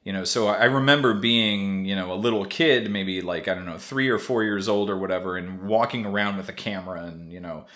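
A man's voice: deep voice, fairly quick, few pauses, a bit bright. A man hosting a casual podcast interview, rambling through his questions with many restarts and easy laughter. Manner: rambling, full of fillers and restarts, laughs easily. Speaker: podcast host.

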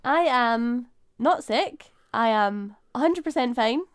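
A woman's voice: on the high side, expressive, slow pace, clean tone. A Scottish woman co-hosting a podcast in casual, informal chat. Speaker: podcast co-host.

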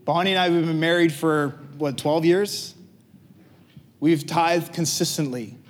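A man, preaching a sermon in a lively, conversational, self-joking way. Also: a little high, unhurried. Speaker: pastor.

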